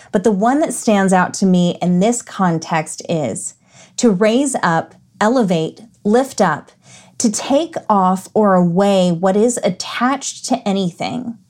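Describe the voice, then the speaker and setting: A woman's voice: medium pitch, darkish tone. Earnest woman reading scripture aloud. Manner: earnest, reflective, slows down to stress words; reads scripture aloud, then muses on it conversationally. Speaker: devotional podcast host. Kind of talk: scripture reading and devotional reflection.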